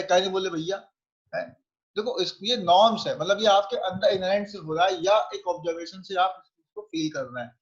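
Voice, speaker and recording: A man's voice: sits high, highs cut off. A man teaching physics, conversational and often checking that students follow. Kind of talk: online class lecture.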